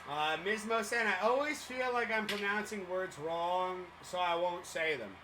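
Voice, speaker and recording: A man's voice: high voice, measured pace, noisy background. A man co-hosting a live sports stream, chatting casually and rambling with lots of fillers while reading out viewer messages. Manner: loose and rambling, many fillers and restarts.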